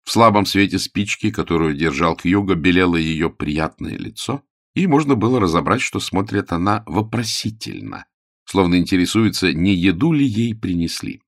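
A man narrating an audiobook in a measured storytelling manner and shifting his voice for each character. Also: sits low, animated, no echo, studio quality.

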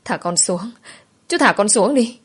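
Scared small child crying for help, as a woman storyteller puts it on, high and pleading. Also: steady tone, moderate pace, darkish tone, close to an everyday voice. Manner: pleading, tearful. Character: frightened little child crying for parents.

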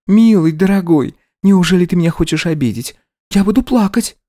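A man voicing a scheming young wife who coaxes and insists in a soft, raised voice. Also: moderate pace, no echo, studio quality, natural voice. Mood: coaxing. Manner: coaxing, insistent, soft high voice.

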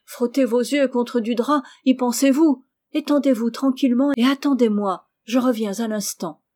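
Woman reader voicing Rose: earnest storybook girl, tender and emotional, voice lifted a little higher, mellow tone. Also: steady tone, normal speed, close to an everyday voice. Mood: urgent pleading. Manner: pleading, emotional, motherly. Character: teenage girl Rose, tender anxious caring cousin.

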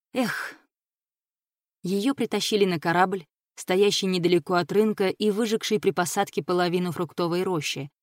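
A woman narrating an adventure audiobook in a steady, even storytelling read. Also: mid-range voice, no echo, studio quality.

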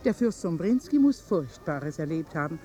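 A woman's voice: deep voice, big pitch swings, normal speed, dark tone, faint music behind. An actress playing a flirtatious, gushing upper-class lady in a 1950s radio drama, talking coquettishly. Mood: gossipy. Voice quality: coquettish, theatrical. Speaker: society lady at a party.

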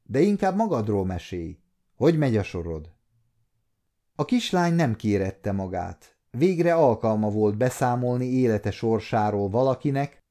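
A man in his fifties narrating an audiobook in a calm, even storytelling manner. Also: mid-range voice. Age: 50s. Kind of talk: scripted narration. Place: recording studio.

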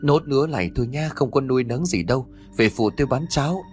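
A man voicing a sharp-tongued village woman who is frightened, speaking in a shrill, pleading way. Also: fast, faint music behind, close to an everyday voice. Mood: anxious.

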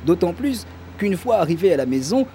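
A man's voice: high voice, very animated, fairly quick, dark tone, slight background noise. A man hosting a radio show, delivering scripted comic narration in a wry, mock-solemn way. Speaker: radio host. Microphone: studio microphone.

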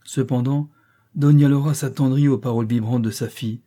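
Male audiobook narrator, husky, dark, measured delivery. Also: medium pitch, steady tone. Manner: measured, dramatic reading.

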